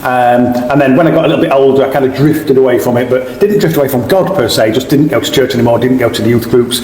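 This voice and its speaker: Middle-aged Sheffield man, podcast guest, halting restarts, long room echo. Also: mid-range voice, a little mellow. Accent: Sheffield English. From England. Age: 40s. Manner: frequent restarts and repeated words. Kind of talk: casual interview. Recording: echoey room with faint ambience.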